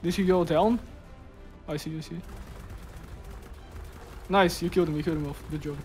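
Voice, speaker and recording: A man calling out moves to his teammate mid-fight in a survival game, urgent and excitable, cursing as things get tense. His voice sits fairly high, with faint music underneath. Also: moderate pace. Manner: excited, swearing, urgent callouts. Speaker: gaming teammate. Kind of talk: gameplay voice chat.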